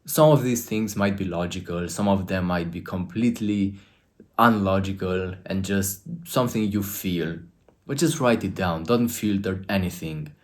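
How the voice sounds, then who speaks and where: A man with a Romanian accent and a very deep, low voice addresses viewers directly on camera, coaching them earnestly and emphatically in the lecturing tone of a motivational talk.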